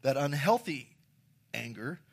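A man's voice: mid-range voice, lively intonation, slow, gravelly. A man preaching a sermon as pastor, emphatic, repeating key phrases and addressing the congregation directly.

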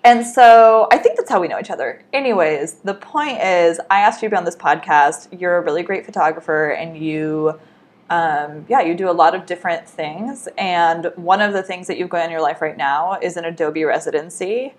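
A woman's voice: lowish voice, moderate pace. Upbeat chatty woman podcast host. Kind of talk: casual podcast chat and ad reads. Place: home in Brooklyn.

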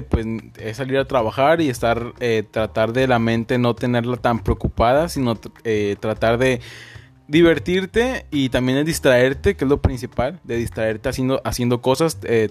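A man's voice: mid-range voice, a little mellow. Hesitant man, podcast guest. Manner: hesitant, many fillers. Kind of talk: casual chat.

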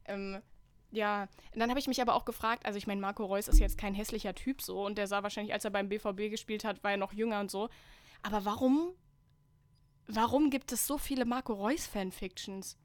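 A woman's voice: medium pitch, level tone, fast, clean tone, no room sound. Young woman mockingly reading fanfiction. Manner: mocking, skips passages with "bla bla". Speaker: podcast co-host. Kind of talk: reading fanfiction aloud with commentary.

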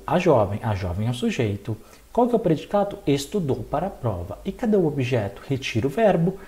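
A young man with a Brazilian Portuguese accent teaching a recorded exam-prep lesson, asking questions and answering them himself. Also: medium pitch. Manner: lively, asks and answers his own questions.

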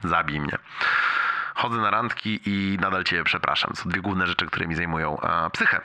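Young guy leaving a voicemail, rambly and sorry, slangy, kinda low voice but really bright and sharp. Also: lively intonation, measured pace. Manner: rambling and apologetic, heavy slang and fillers. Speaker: friend. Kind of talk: leaving a voice message.

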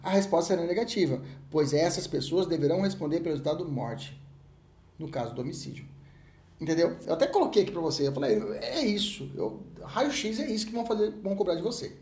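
A Brazilian man with a high, mellow voice delivers an exam-prep law lecture. He talks emphatically and keeps asking his students whether they follow. His voice echoes around the room. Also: quick pace, slight background noise. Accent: Brazilian Portuguese. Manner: lively, emphatic, rhetorical questions to students. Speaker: law teacher.

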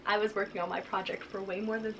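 A young woman co-hosting a podcast in casual chat, chatty and quick to laugh, with lots of "like". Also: medium pitch, little pitch movement, fairly bright tone, a little hiss or hum. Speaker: podcast co-host.

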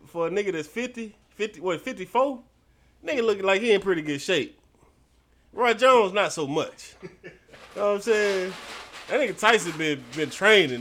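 A man co-hosting a podcast in casual chat, talking in animated slang and often laughing. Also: high-pitched, a little hiss or hum. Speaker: podcast co-host.

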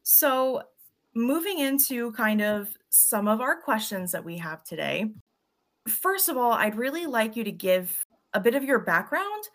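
A woman hosting a podcast interview, chatting casually and warmly affirming her guest. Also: fairly high pitch, very animated, unhurried. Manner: enthusiastic, affirming. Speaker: podcast host.

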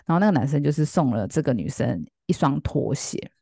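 A woman's voice: very deep voice, animated, a little fast, vocal fry, dark tone, no echo, studio quality. A woman, telling a story in a chatty way, full of fillers, and acting out the quoted lines. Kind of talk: casual storytelling.

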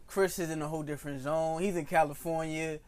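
Young american guy, slightly high voice, slangy laid out podcast chat. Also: steady tone, quick pace, a crowd in the background. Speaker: podcast co-host. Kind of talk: casual chat.

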